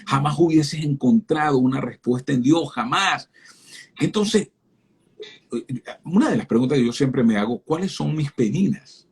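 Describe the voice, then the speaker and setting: A man's voice: medium pitch, expressive, moderate pace, pauses often, husky. A man giving a fervent sermon-style talk as a guest speaker on a live stream, speaking directly to his listeners and often repeating words as he starts a phrase.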